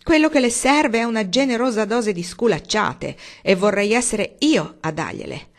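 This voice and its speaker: A woman reading aloud, voicing a gruff, angry old uncle who grumbles loudly and indignantly. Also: mid-range voice, sing-song, normal speed.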